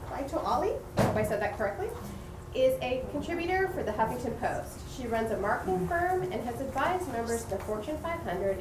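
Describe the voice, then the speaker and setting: A woman introduces speakers at a bookstore event, reading from a sheet. Her voice sits a bit high and carries across a roomy space. It is picked up from some distance, with clear room noise. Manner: reads from paper, stumbles over names.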